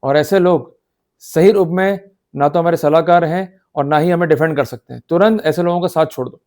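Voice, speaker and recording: A law lecturer with a fairly high, slightly mellow voice talks fairly quickly through an explanatory lecture that mixes Hindi with English legal terms. He is emphatic and exhortative, often checking that his listeners are following.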